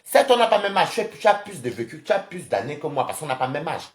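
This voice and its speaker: Cameroonian-accented live streamer, lively swooping pitch, rambling, combative rant. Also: fast talker. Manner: animated, rambling, confrontational, addresses viewers directly. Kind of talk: casual social media live rant.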